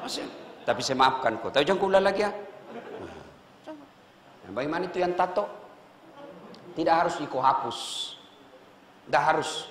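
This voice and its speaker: Makassar-accented male preacher, bright high voice, blunt and joking, long hall reverb. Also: animated, moderate pace, long pauses, a little hiss or hum. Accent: Makassar Indonesian. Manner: blunt, joking, swings between shouting and low asides. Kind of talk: sermon to prison inmates.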